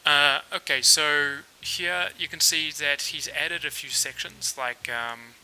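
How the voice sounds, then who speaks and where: The poor audio captures a New Zealand man with a slightly high, clear and resonant voice, speaking slowly as he hosts a casual coding stream. He stays relaxed and thinks aloud with many fillers.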